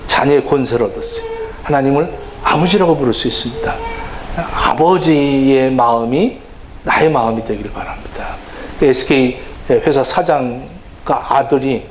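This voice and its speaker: A middle-aged male pastor preaching a sermon, animated and acting out quoted lines in different voices. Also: mid-range voice, normal speed, slight background noise, rough recording.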